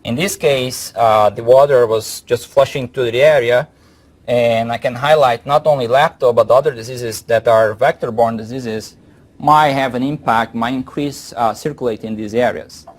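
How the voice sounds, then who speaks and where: A Brazilian man, a professor appearing as a guest speaker, gives an informal academic presentation in a lecture room. He has a Brazilian Portuguese accent and a mid-range voice at normal speed, and he often repeats words as he thinks.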